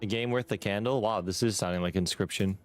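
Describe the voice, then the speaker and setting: A man's voice: lowish voice, fast. A man playing a video game, reading its text aloud and dropping casual, joking asides. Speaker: gaming streamer.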